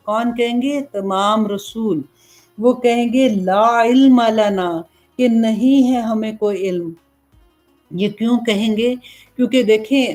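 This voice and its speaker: A woman's voice: medium pitch, a little mellow. Woman preacher, earnest lecturing sermon style. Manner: earnest, explanatory, asks and answers own questions. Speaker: Islamic preacher. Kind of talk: religious lecture.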